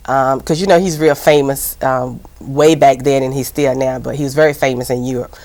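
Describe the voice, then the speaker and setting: A woman's voice: a bass voice, steady tone, normal speed, vocal fry, darkish tone. A woman with a Southern US accent, a TV host and producer, chatting as a guest in an interview, rambling along with plenty of fillers. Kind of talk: casual interview chat.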